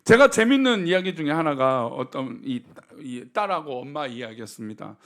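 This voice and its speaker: A man preaching a Sunday sermon, his fairly high voice swinging widely up and down. He tells funny stories and keeps putting questions to the congregation. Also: moderate pace. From Seoul. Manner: animated storytelling with humor and rhetorical questions. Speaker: pastor.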